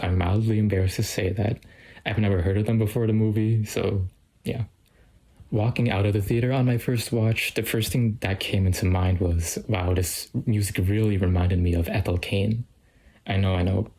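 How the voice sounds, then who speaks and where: A man's voice: deep voice, darkish tone, husky, low-quality recording. A young man giving a casual, self-deprecating film review read from a script.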